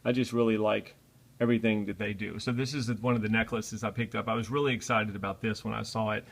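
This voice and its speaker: A man talks through a casual unboxing in a slightly low voice. He chats along in an easygoing, apologetic way and fills his pauses with "uh" and "um.". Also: fairly even intonation, creaky. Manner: chatty and apologetic, with frequent "uh" fillers. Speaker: product reviewer.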